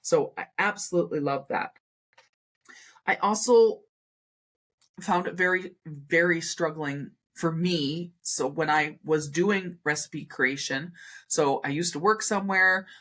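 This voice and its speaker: A woman's voice: sits low, measured pace, fairly bright tone. A woman hosting a cooking channel, ranting to camera in a chatty, emphatic way with rambling asides. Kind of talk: casual rant to camera.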